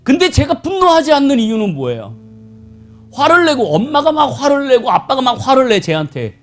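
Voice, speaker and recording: A man's voice: very high-pitched, fairly quick, soft background music. A middle-aged male pastor preaching a live Sunday sermon in a conversational style, often putting questions to the congregation. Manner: animated, conversational, asks the congregation rhetorical questions. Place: church worship service.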